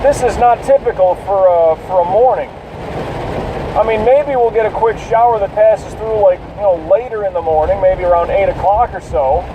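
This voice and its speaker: A man's voice: sits high, moderate pace, far from the mic. A man hosting a casual solo talk while driving through heavy rain, ranting and swearing at other drivers. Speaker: podcast host. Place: inside a car in heavy rain. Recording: noisy in-car recording, rain and road noise.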